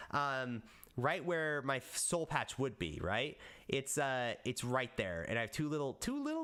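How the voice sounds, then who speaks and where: A man in his late twenties talks loosely to his stream chat. His pitch jumps around a lot as he rambles through a story, and he swears freely. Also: a bit bright. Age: late 20s. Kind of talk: casual live-stream chat.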